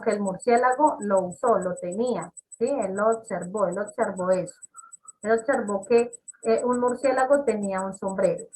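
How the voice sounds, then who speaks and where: A woman's voice: on the high side, poor audio. A woman teaching an English class on a video call, explaining step by step and checking in with her students. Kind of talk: online class instruction.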